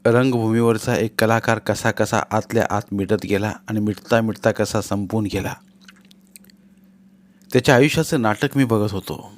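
A man narrating a novel as an audiobook reader, in a steady, measured storytelling way. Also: on the low side.

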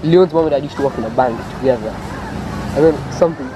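A man's voice: mid-range voice, fast, a crowd in the background. A teenage boy chatting animatedly and dramatically with friends outdoors, recorded by a camera on the table. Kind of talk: casual chat, prank. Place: outdoor go-kart venue. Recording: outdoor traffic noise behind.

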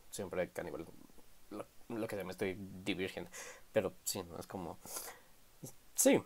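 A man's voice: fairly low pitch, a little mellow. A man casually reviewing a manga chapter, rambling, stammering and correcting himself.

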